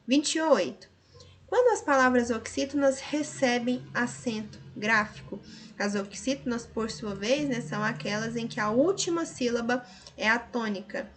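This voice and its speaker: A woman's voice: fairly high pitch, moderate pace. A woman teacher with a Brazilian Portuguese accent, patiently going over answers step by step in a recorded lesson. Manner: patient, explaining step by step with frequent tag questions.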